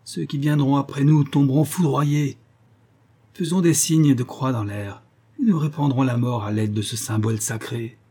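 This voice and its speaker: A man's voice: medium pitch, fairly even intonation, moderate pace, breathy edge, voice pushed up, close to an everyday voice. A man reading aloud voices an enraged, bitter young man who hurls contempt at his beloved. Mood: furious. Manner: loud, contemptuous outbursts.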